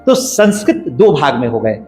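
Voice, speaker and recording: A man speaking as a podcast guest, explaining in a measured, lecturing way and building his points in lists. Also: medium pitch, very animated, dark tone. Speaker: guest scholar. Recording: roomy echo, faint background music.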